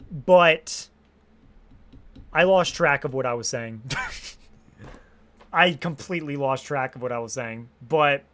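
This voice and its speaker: Slightly hoarse from hours of streaming, a young man talks casually on his live stream, swearing freely while he rambles and restarts his sentences. His voice is fairly high and a bit bright.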